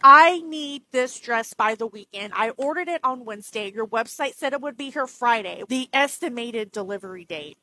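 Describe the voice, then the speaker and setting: A woman's voice: a little high, fairly quick, hardly any pauses, fairly bright tone, rough recording. A woman doing a comedy impression of an entitled, irate, melodramatic customer, indignant and condescending on a complaint call. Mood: condescending, exasperated.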